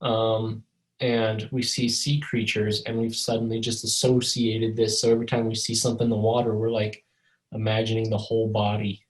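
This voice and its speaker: A man's voice: on the low side, monotone, moderate pace, rough recording. A man co-hosting a podcast in casual chat, rambling and swearing as he jokes, speaking over a video call. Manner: rambling, profane and joking. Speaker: podcast co-host. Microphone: video call over a mobile hotspot.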